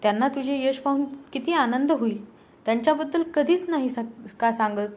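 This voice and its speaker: A woman reading the lines of an affectionate young wife who gently coaxes her husband, in a storybook telling. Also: sits high, normal speed, lightly acted.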